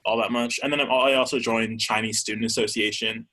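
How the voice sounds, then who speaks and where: A young man from Georgia, a guest in a casual interview, speaking haltingly with lots of fillers. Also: medium pitch, steady tone, sharp tone, poor audio. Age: young adult. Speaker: guest, college student.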